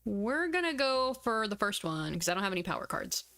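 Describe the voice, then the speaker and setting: A woman's voice: medium pitch, big pitch swings, a little fast, pushed and bright. A woman streamer chatting casually as she plays and narrates a game. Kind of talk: casual chat while playing and narrating a game.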